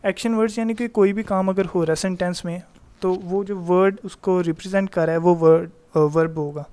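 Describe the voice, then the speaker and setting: A man teaching a grammar lesson in a voice-over, explaining in Hindi mixed with English terms, reading the English examples slowly and answering his own questions in a chatty way. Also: high-pitched, fairly even intonation, darkish tone, clean tone. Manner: reads English example sentences slowly and deliberately.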